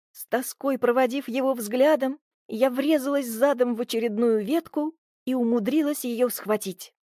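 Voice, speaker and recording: Woman narrating an audiobook, fairly high voice. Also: a little mellow, no echo, clean studio sound. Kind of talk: first-person audiobook narration.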